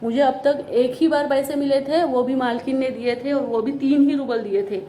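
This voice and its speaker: A woman's voice: high-pitched, steady tone, moderate pace, dark tone, slight background noise, natural voice. A woman teacher reading the part of a timid young maid who speaks meekly in a trembling voice. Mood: tearful. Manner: trembling, meek.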